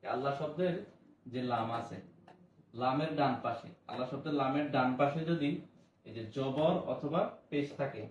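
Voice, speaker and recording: A man teaching an online Quran lesson, explaining patiently and chanting words slowly. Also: medium pitch, a little hiss or hum. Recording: echoey room, voice from a distance.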